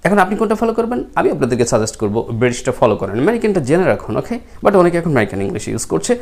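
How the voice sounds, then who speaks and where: This is a man with a Bangladeshi accent giving a classroom-style pronunciation lesson. His pitch rises and falls a great deal as he explains. He repeats each word several times, slowly and deliberately. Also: vocal fry. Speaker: English pronunciation teacher.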